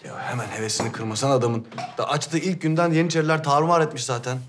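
A man's voice: medium pitch, fast talker, a little hiss or hum, close to an everyday voice. An actor playing an eager, impatient Ottoman inventor in a period drama. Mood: subdued. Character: impatient, dreamy bearded Ottoman inventor obsessed with flying.

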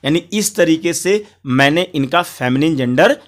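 Higher-voiced male Hindi English tutor. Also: animated. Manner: explains slowly, spells words letter by letter; addresses viewers as friends, repeats each point. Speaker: English teacher. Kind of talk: Hindi grammar lesson.

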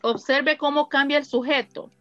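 Woman, English teacher, dry close sound, slightly high voice. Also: fairly even intonation, a bit bright, no room sound, dull audio, soft background music. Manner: slow, careful, repeats phrases for students. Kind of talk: online class explaining grammar.

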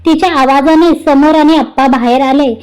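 A woman's voice: sits high, fairly even intonation, moderate pace, darkish tone, low-quality recording. A woman narrating a serialized family story, reading every character's lines in her own voice.

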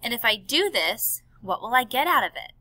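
A woman's voice: on the high side, sing-song, moderate pace, pushed and bright, no echo. Woman doing a sarcastic scheming poacher. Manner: sarcastic, amused, smooth-talking.

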